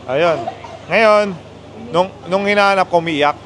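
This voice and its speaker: Chatty high-voiced man telling a story. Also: unhurried, a bit bright. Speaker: motorcycle club host. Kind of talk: casual storytelling chat.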